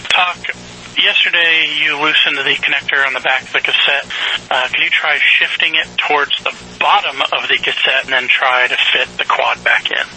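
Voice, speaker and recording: Bright, crackly radio voice of mission control man. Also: mid-range voice, normal speed, vocal fry. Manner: clipped radio procedure phrasing. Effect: crackly space radio link. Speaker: mission control ground communicator. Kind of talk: procedural space-to-ground radio communication. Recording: noisy, crackly space-to-ground radio.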